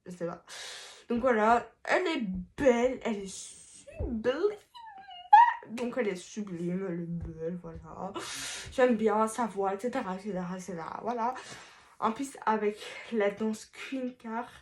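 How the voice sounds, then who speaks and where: A woman vlogger with a medium-pitched voice talks a little slowly through a face mask over faint hiss or hum. It's casual, rambling chat, hesitant and playful, packed with fillers, restarts and jokes at her own expense.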